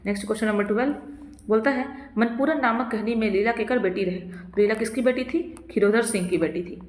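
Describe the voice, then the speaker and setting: A woman with a Jharkhand accent teaching an exam-prep lesson. She reads each question slowly, then answers it herself, often adding "theek hai". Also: fairly high pitch. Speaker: exam tutor. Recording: echoey roomy reverb.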